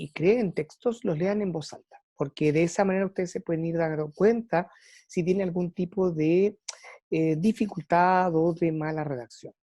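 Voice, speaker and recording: A woman teacher lectures to her students, pausing often on fillers as she gathers her thoughts. Her voice sits a little low and sounds mellow. The recording is close and dry. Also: no echo. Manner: thinking aloud with frequent "eh" fillers and restarts. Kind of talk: online class lecture.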